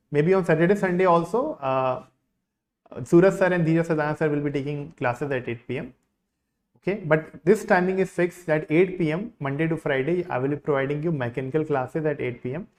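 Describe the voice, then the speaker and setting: A man with an Indian accent, an online teacher, giving an insistent, repetitive sales pitch to his live class. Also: a little fast, a little mellow. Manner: insistent sales pitch, repeating key phrases.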